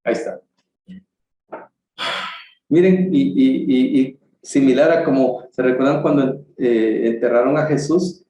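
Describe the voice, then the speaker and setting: A man preaching a sermon in church, earnest, rising in pitch for emphasis and often restarting his sentences. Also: unhurried, long pauses, mellow. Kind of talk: sermon over an online stream. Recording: echoey room with faint background hiss.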